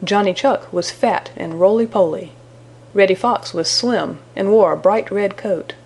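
A woman narrating a children's story chapter aloud in a gentle, expressive storytelling manner. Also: mid-range voice, unhurried, breathy edge.

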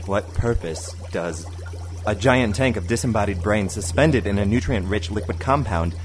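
A man's voice: lowish voice, moderate pace, a little hiss or hum, lightly acted. A man playing a doubtful lab assistant. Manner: dry and doubtful. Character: skeptical male assistant scientist.

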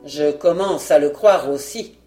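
A woman's voice: low voice, measured pace, warm tone, faint music behind, pitched below the performer's own voice. A woman doing a grumbling hunchback man. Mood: sly. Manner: gruff, muttering. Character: grumbling hunchbacked male secretary, greedy.

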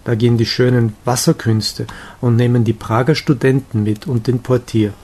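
A man reading the excited exclamations of a carefree young wanderer in an audiobook of a romantic novella. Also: mid-range voice, moderate pace, lightly acted. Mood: eager. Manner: eager, exclaiming.

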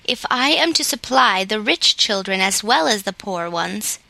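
A kindly toymaker from a storybook, speaking gently and thoughtfully, voiced by a woman reader. The voice is lowered a little from her own and stays bright. The recording is dry and close. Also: lively intonation, measured pace, gravelly, dry recording, heavily acted. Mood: gentle.

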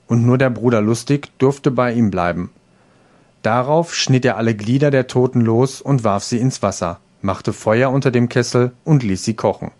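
A man narrating a classic fairy tale as an audiobook. His telling is steady and even. The voice sits in a middle pitch for a man. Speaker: reader.

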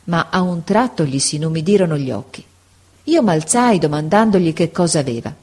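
A woman narrating a classic novel as an audiobook, reading in a measured, unhurried way. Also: low-pitched, animated, darkish tone, slightly rough.

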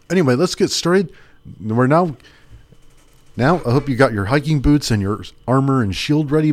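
A man hosting a small radio music show, chatting casually and rambling as he thinks aloud. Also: on the low side. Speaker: radio host.

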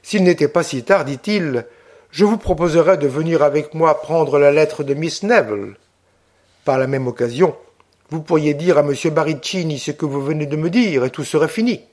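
A man's voice: fairly high pitch, normal speed, darkish tone, natural voice. A man reading the part of an impatient, condescending male government official. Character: haughty mocking male prefect, impatient official.

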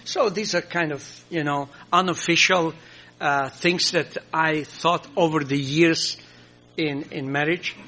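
An older Croatian man, a missionary pastor, answers audience questions in English, his second language, with a Croatian accent. He speaks earnestly and haltingly with many fillers, in a slightly high, fairly even voice that sounds bright and forceful.

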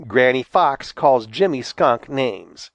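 A man reading a children's storybook aloud with a lively, expressive delivery. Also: mid-range voice, slow, dry recording. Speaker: volunteer audiobook reader. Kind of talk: storybook narration.

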